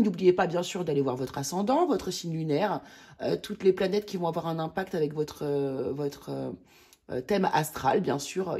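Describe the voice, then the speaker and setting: A woman talks her way through a tarot spread in a chatty, halting way, full of fillers and excited little exclamations. Her voice is mellow and warm, with a husky edge. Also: medium pitch. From France. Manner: chatty, hesitant with many fillers, exclaims at cards. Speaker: tarot reader. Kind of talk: casual tarot reading video.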